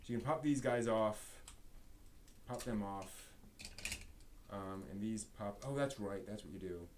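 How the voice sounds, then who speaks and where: A man with a fairly low-pitched voice talks a little slowly while hosting a casual live show-and-tell stream. He rambles and thinks aloud as he handles things, and the live stream audio is noisy.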